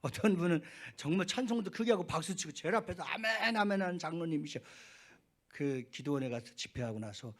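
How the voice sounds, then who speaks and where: A middle-aged man, a pastor, preaching a sermon in a church, swinging between quiet asides and loud, high, fervent peaks. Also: fairly quick. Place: church sanctuary.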